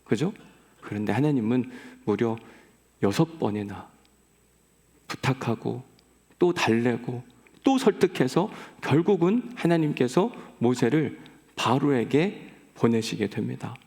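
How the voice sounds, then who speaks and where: A man's voice: mid-range voice, lively intonation, unhurried, vocal fry, a little mellow. A man preaching a sermon as pastor, conversational and asking his congregation questions. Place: large church sanctuary. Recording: echoey church hall with long reverb.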